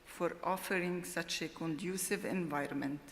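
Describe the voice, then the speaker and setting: A middle-aged woman gives a formal award acceptance speech at a podium microphone, in a slow, deliberate and heartfelt way. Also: lowish voice, fairly even intonation, creaky. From Lebanon. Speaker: award laureate. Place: large ceremony hall. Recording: long hall reverb.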